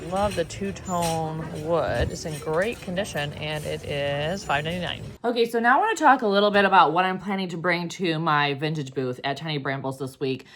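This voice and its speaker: A woman's voice: low voice, normal speed, few pauses, fairly bright tone, a little hiss or hum. A woman with a cold who is losing her voice, chatting enthusiastically as she narrates a thrift shopping vlog. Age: young adult to middle-aged. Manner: chatty, enthusiastic about finds. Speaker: vintage reseller and vlogger. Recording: music playing behind the voice.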